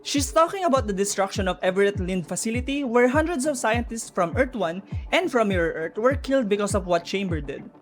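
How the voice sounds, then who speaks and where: Brisk and expressive, barely pausing, a woman with a medium-pitched voice narrates game lore directly to viewers in a chatty, speculative style. Background music underlies the recording.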